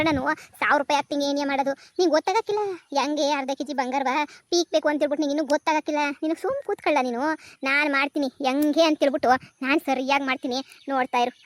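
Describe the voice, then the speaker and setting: A woman's voice: high-pitched, no room sound, natural voice. A woman voicing a bossy scheming village mother. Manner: scolding, rapid, commanding. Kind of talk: cartoon comedy voice acting.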